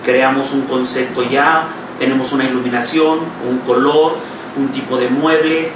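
A man's voice: mid-range voice, fairly even intonation, moderate pace. Reflective man in an echoey room. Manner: reflective, thinking aloud with repeats. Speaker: salon owner. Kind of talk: seated interview. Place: indoor studio with bookshelves. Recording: echoey room, distant mic, noisy.

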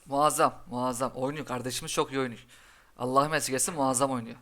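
A young man commentating his own game live, cheering his cards on and scolding the opponent in quick, excitable bursts. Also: mid-range voice. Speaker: gaming commentator.

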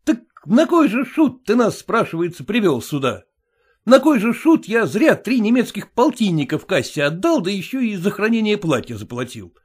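A man's voice: high-pitched, big pitch swings, moderate pace, breathy edge, voice pushed up, heavily acted. A man playing a blustering, hot-tempered husband. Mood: angry. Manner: loud, blustering, scolding.

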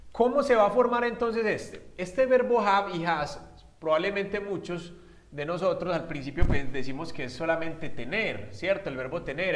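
A man, teaching a relaxed classroom lesson. He talks in a chatty way and keeps asking his students quick rhetorical questions. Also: on the high side. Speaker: English teacher.

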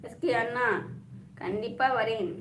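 Reading viewer comments on a laid-back live stream, a woman chats and teases, greeting people by name. She speaks a little slowly, with a fairly high pitch and a fairly bright tone, in an echoey space with faint ambient noise.

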